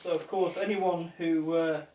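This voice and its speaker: A man's voice: fairly high pitch, fairly even intonation, unhurried, dark tone, slight background noise. A man co-hosting a livestream and moderating its chat, bantering in a dry, teasing way. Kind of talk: casual live-stream chat.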